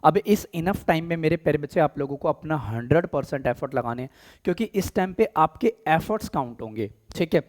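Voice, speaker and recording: A male online exam-prep English teacher with an Indian accent leads a live class in a mix of Hindi and English. His hoarse, worn voice sits a little high, and he speaks softly and slowly but with lively intonation. He clears his throat often and warmly calls his students "beta."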